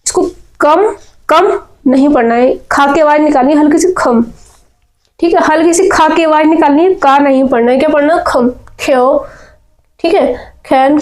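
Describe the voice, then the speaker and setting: A woman's voice: sits high, a little fast, a little mellow, rough recording. A woman teaching spoken English pronunciation, drilling words over and over and asking and answering her own questions.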